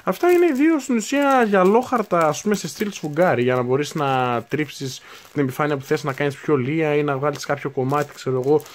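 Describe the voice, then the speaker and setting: A man in his twenties chatting casually as he unboxes new hobby supplies, thinking aloud and correcting himself as he goes. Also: fairly high pitch. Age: 20s. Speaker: unboxing video host.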